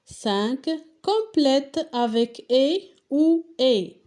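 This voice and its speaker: A woman's voice: sits high, expressive, drawn-out words, dark tone. A woman with a Moroccan accent, teaching a lesson and correcting a worksheet, asking questions and answering them step by step while spelling out answers.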